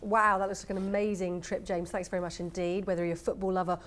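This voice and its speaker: A woman's voice: fairly low pitch, flat delivery, quick pace, fairly bright tone. A woman co-hosting a morning show, moving between breezy presenter links and chat.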